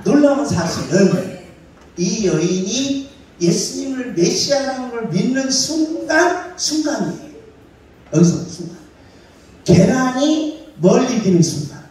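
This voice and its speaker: A man's voice: extremely high pitch, expressive, unhurried, darkish tone. A male pastor preaching a sermon, asking the congregation questions and answering them himself. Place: church sanctuary. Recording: echoey hall, far from the mic.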